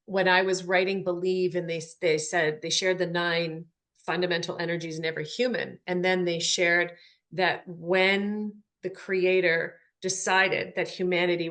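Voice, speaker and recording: A woman's voice: on the low side, fairly bright tone. A woman hosting a spiritual podcast, talking earnestly about soul, energy and healing. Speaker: podcast host.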